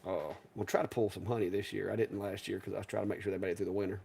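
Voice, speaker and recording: A man's voice: low-pitched, level tone, rapid-fire, vocal fry, noisy background. A man co-hosting a live stream, talking casually in a rambling, folksy way. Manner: rambling, folksy, restarts and chuckles. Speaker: co-host.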